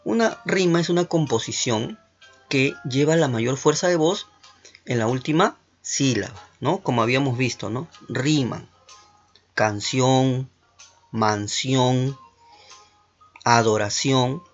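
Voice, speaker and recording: A man's voice: mid-range voice, slightly rough. A man teaching an online class to schoolchildren, talking them through questions in an encouraging way. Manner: encouraging, asks many questions with tag "¿no?". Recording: dull lo-fi recording with faint music.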